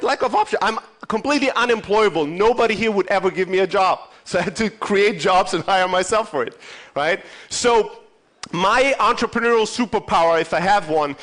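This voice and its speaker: A German man in his thirties, speaking as a conference keynote, delivers a loose, motivational talk in a voice that sits high and sounds fairly bright. He swears freely, pokes fun at himself, and checks in with the audience as he goes.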